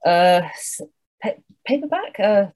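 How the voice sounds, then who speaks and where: A woman's voice: mid-range voice, slow. A woman co-hosting a casual book-chat podcast, wry and thoughtful, reading passages aloud with relish. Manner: thoughtful, wry, lively reader. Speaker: podcast co-host.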